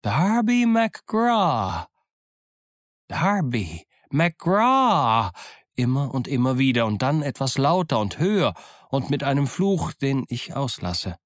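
A man narrating a classic adventure story in the first person, measured and dramatic. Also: mid-range voice, expressive, a little mellow, no echo, studio quality. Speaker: audiobook narrator.

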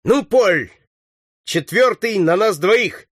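A man voicing a bold, shouting boy leader. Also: sits high, expressive, slow pace, slightly rough, no echo, clean studio sound, pitched above the performer's own voice, heavily acted. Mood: shouting orders. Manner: loud commanding shouts. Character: bold teenage boy leader of young fighters.

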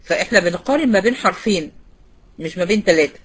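An Egyptian Arabic-accented woman teaches a recitation class online, testing students by name and restating what matters most. She's a fast, animated talker with a husky voice pitched fairly low.

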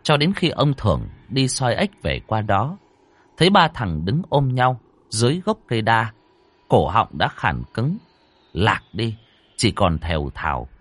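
Lively male ghost-story narrator. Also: fairly low pitch, no echo. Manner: dramatic, acting out every character.

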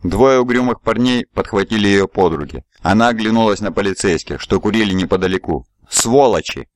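Deep-voiced man reading a story. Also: dry recording. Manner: even, measured reading. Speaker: audiobook narrator. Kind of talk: scripted narration.

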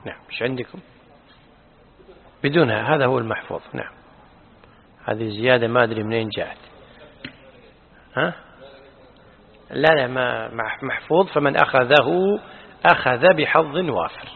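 Brief: male religious teacher, husky gravelly voice, measured corrections, thin phone-like sound in a big echoey space. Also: medium pitch. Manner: corrects and explains the reading, measured. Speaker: sheikh teaching Quran commentary. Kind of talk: scholarly commentary in a lesson. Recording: phone-like with long reverb.

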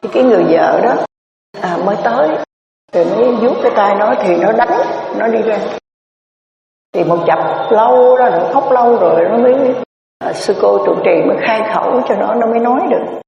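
A Buddhist nun, giving a storytelling dharma talk in a conversational, winding way with many filler words. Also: female voice, on the high side, brisk, vocal fry. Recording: echoey hall, distant mic, dull lo-fi sound.

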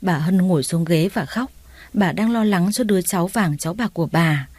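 Calm woman narrating. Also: fairly low pitch, normal speed, husky, no room sound. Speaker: audiobook narrator. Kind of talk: first-person story narration.

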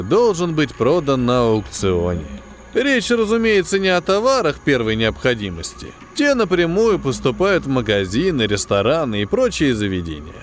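A man reading an audiobook, voicing a plump, smug male space-station quartermaster who talks in a condescending, falsely sympathetic, drawn-out way. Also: fairly high pitch, a little hiss or hum, pitched above the performer's own voice. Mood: condescending, lecturing. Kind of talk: audiobook character voice.

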